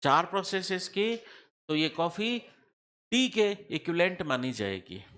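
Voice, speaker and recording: A man's voice: sits high, lively intonation, unhurried, a bit bright. A middle-aged man teaching tax law in a classroom lecture, repeating key figures and quizzing students with questions.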